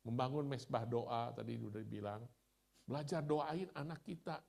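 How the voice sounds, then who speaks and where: A man's voice: mid-range voice, moderate pace, vocal fry, a little mellow. A middle-aged man from Indonesia giving a conversational sermon with chatty personal stories. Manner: storytelling, chatty, laughs at himself.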